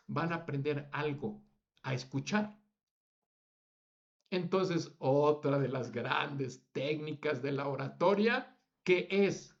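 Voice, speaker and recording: A man's voice: a little high, muffled recording. Emphatic man lecturing on public speaking. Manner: emphatic, lists words with rising stress; self-correcting slips. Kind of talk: lecture to students.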